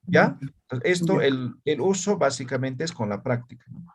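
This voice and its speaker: A man's voice: medium pitch, lively intonation, normal speed, a little hiss or hum. Patient man teaching a language class. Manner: patient, frequent "¿ya?" and "¿no?" checks. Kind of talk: online class explanation.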